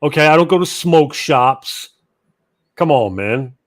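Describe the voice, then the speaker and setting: A man's voice: fairly high pitch, lively intonation, unhurried. Man in his forties, rambling storyteller. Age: 40s. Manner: laid-back, rambling storyteller. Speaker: podcast guest. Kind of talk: casual chat.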